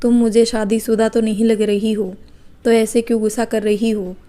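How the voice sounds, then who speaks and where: A playful young man full of teasing banter, voiced by a woman narrator. His lines come out mellow and fairly level, a little high, never straining. The jokes keep rolling in a light storybook telling. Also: little pitch movement, normal speed, close to an everyday voice. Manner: cheeky, joking banter.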